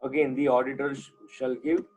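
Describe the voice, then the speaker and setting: A man's voice: medium pitch, level tone, fairly quick, darkish tone, low-quality recording. A man teaching an online class, putting questions to students and repeating the key points.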